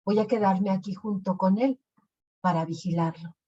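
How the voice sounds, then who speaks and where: A calm, mocking witch, as a woman puts her on. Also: medium pitch, normal speed, lightly acted. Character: mocking old witch, healer. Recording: lo-fi recording.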